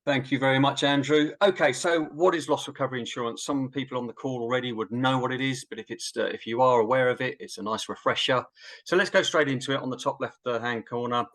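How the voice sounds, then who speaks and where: Man, webinar presenter, upbeat, emphatic, middle pitch. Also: quick pace, a bit bright. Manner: upbeat, emphatic, sometimes jokey. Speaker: insurance relationship director presenting a webinar.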